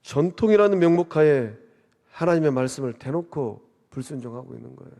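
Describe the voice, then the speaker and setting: High-voiced preaching man in a reverberant church. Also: gravelly, mellow. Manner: preaching with rhetorical questions and swelling emphasis. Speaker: pastor. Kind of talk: sermon. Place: church sanctuary. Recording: long reverb of a church hall.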